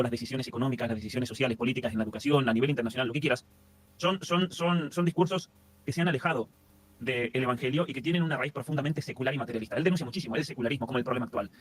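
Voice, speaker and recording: A man's voice: medium pitch, slight background noise. A man, a guest in an interview, explaining at length in long lists. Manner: rapid, explanatory, lists things in long chains. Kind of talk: casual interview.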